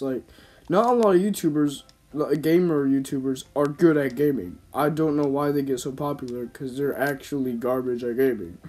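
Rambling through some gameplay, a man who makes gaming videos on YouTube talks in slangy, informal fashion to himself and his viewers. His voice leans high with a dark tone.

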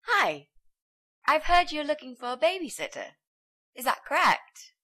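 A woman's voice: sits high, sing-song, a little slow, pushed and bright, exaggerated voice. An actress voicing a bold, chatty young female student in a video game, speaking in a breezy, confident way. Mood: chirpy. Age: young adult.

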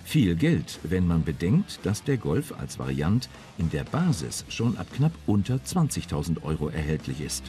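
A man narrating a car magazine report in a measured, informative voice-over. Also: deep voice, big pitch swings, warm tone. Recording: voice-over with music beneath.

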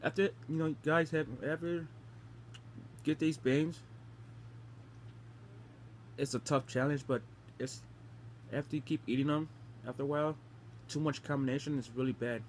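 A man's voice: on the high side, steady tone, moderate pace, long pauses. Young man chatting while eating gross jelly beans. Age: young adult. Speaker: vlogger hosting a taste challenge. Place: small bedroom indoors. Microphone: phone camera at arm's length. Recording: noisy home phone-camera recording.

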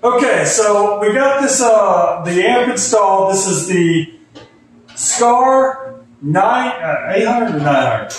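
A middle-aged man with a high, animated voice talks slowly as he hosts a casual car audio vlog, thinking aloud through hands-on installs and reviews. He works in a garage, a car, and a house interior, and the audio has a roomy echo with slight background noise.

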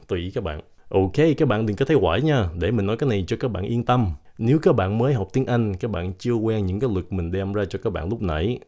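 Relaxed low-voiced man teaching. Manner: relaxed, joking, reassuring, drawing out example words slowly. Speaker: English pronunciation teacher. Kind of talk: casual video lesson.

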